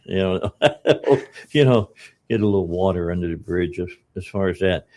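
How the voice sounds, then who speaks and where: An older man in his seventies hosts a casual radio talk show from the studio. His voice sits a bit low, and he rambles along, stopping and restarting his sentences and chuckling between thoughts. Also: animated, darkish tone. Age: 70s. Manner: rambling, halting, many uh's and restarts, chuckles often.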